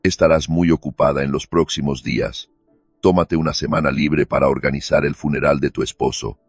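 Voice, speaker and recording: A man voicing a cold, measured senior law partner. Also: rumbling low, level tone. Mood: impassive. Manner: slow, measured, emotionless, probing. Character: cold, unflappable older male law firm boss. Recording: dull lo-fi recording with faint music.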